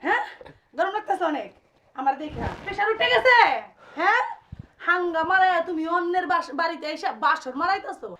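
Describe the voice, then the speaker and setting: Woman acting as an angry wife yelling at her husband, super high bright voice, rapid-fire nagging, thick bangla. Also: lively intonation, slight background noise, heavily acted. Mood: scolding. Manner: shrill scolding, taunting repeated questions. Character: furious first wife confronting her cheating husband. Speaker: actor in a comedy skit. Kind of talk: amateur comic drama acting.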